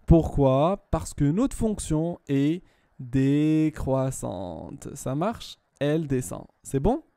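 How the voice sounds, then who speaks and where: A man's voice: on the high side, big pitch swings, slow, mellow. A man tutoring a student one-on-one in math, patient, often repeating himself and checking that she follows.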